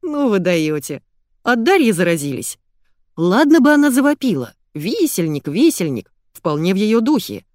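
A woman's voice: medium pitch, very animated, normal speed, a little mellow, no room sound, studio quality, natural voice. Woman reading a sneering older man. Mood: mocking. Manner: teasing, sneering.

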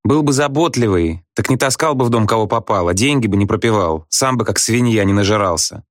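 A man reading a story aloud, voicing a bitter, scornful young wife who scolds her husband in quick reproachful outbursts. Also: fairly low pitch, lively intonation, no room sound, clean studio sound, voice pushed up, lightly acted. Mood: scolding.

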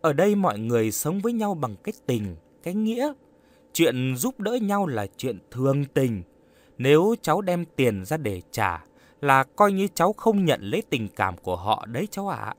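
A man reading an audiobook, voicing a kindly, caring old village grandmother who fusses and gently scolds. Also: on the high side, very animated, moderate pace. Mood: earnest.

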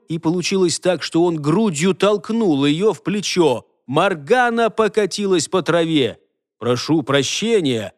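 A man reading a novel aloud as narrator, measured and expressive. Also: a little high, dry recording, clean studio sound. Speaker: audiobook narrator. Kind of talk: scripted narration.

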